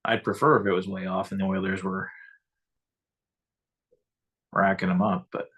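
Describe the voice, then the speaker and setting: Relaxed low-voiced man co-hosting a stream. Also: moderate pace, husky. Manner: relaxed, chatty, reads out viewer comments. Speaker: co-host of a fan game-watch stream. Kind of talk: casual live game chat.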